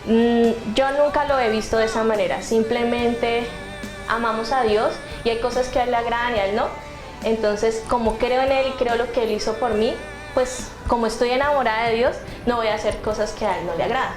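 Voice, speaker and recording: A woman with a central Colombian accent from the Andean region around Bogotá is an interview guest talking about faith, giving a personal explanation in an earnest, conversational way. Her voice is on the high side, steady, and fairly quick, with a roomy echo and music behind her.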